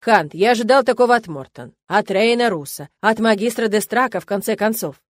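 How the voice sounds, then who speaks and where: A woman reader voicing a stern, irritated male academy rector, with loud, scolding delivery in a dry, close recording. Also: high voice, lively intonation, fairly quick, no room sound.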